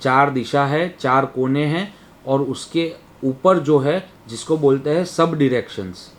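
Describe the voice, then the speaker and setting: A male webinar teacher with a medium-pitched voice, explaining each point patiently and step by step. He keeps checking in with his listeners by asking whether they follow. His tone is that of a lecture given to students. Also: a little slow. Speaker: Vastu teacher.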